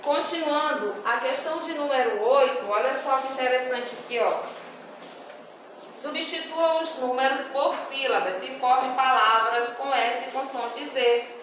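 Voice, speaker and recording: Woman, primary teacher correcting homework for small kids; slightly high voice, unhurried and deliberate, set well back from the mic. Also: fairly bright tone. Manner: slow, patient, reads words out syllable by syllable for young pupils. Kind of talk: recorded homework correction for children. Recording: very echoey room, voice far from the mic, faint noise.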